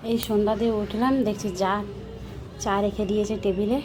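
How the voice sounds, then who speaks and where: A woman vlogging her evening routine at home in a soft, subdued voice, her throat troubled and the sound muffled. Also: medium pitch, little pitch movement, fairly quick, soft background music. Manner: soft, subdued talk, speaking with lips half closed. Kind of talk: casual daily-routine narration. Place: home and open rooftop.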